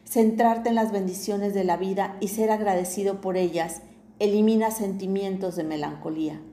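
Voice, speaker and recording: A woman reading a scripted inspirational narration in a measured, deliberate way, pausing between phrases. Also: mid-range voice, fairly even intonation, mellow, roomy sound, a little hiss or hum. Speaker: narrator of a reflective series.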